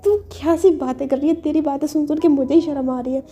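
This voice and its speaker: A woman voicing a high-pitched flustered young wife, stammering, quick to scold, mellow voice, storybook. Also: steady tone, faint music behind, natural voice.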